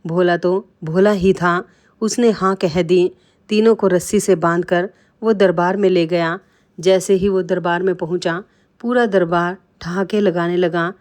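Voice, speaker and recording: A woman with a low-set voice narrates a moral folk tale. Her delivery is scripted and steady, in the manner of a storyteller. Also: measured pace.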